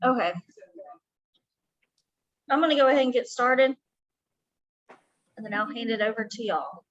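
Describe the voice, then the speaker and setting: Woman host, highish voice, roomy muffled sound, chatty introductions. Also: moderate pace. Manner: chatty, with frequent ums. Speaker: museum event host. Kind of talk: friendly welcome and introduction. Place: museum room.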